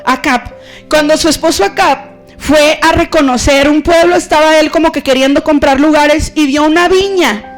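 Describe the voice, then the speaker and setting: A woman pastor preaching a sermon in an animated, conversational way, acting out stories. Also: sits high, normal speed, soft background music.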